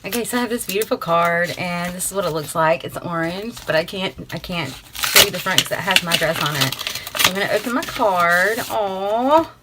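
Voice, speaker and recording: A woman, gushing and excitable as she unboxes mail in a casual vlog, filmed on a tripod camera, first on her porch and then indoors. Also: on the low side, fairly quick, background noise. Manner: gushing, excitable, many fillers. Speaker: beauty vlogger.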